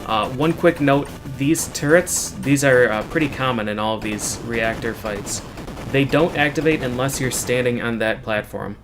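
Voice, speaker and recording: A man giving casual speedrun commentary as the runner, explaining technical details in a matter-of-fact, halting way. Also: medium pitch, low-quality recording. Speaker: speedrunner commentating on own run. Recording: game music playing behind the voice. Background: video game music.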